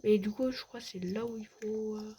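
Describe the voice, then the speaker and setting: A woman's voice: medium pitch, steady tone, fairly quick, warm tone. A woman giving let's play commentary, jumpy, swearing a lot and sometimes dropping into a whisper. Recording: noisy with clicks.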